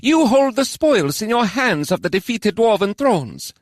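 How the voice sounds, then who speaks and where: A male narrator voicing a pompous elf house lord with a high-pitched nasal voice, making grand ceremonial proclamations. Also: sing-song, unhurried, no room sound, studio quality. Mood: proclaiming. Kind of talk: audiobook character voice.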